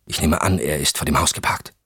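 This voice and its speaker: A man's voice: a bass voice, steady tone, a little fast, sharp tone, husky, dry recording, studio quality, full character voice. A man voicing a hunted man in an audiobook, talking in urgent, clipped instructions. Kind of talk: audiobook character voice.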